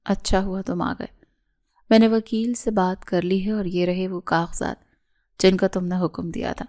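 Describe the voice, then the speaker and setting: A woman's voice: medium pitch, level tone, darkish tone, natural voice. Stern sarcastic old father of the house, read by a woman in her own voice. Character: stern older male family patriarch.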